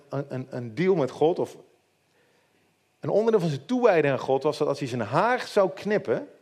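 Male preacher, informal youth sermon, lively storyteller with jokey asides, somewhat high voice.

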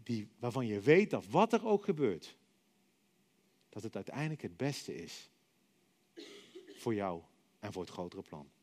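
A middle-aged man preaching a sermon. He tells stories dramatically, acts out other voices, and lets many phrases sink to a soft, quiet finish. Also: fairly low pitch, sing-song, unhurried, long pauses. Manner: dramatic storytelling, acting out voices and dropping to soft, quiet endings.

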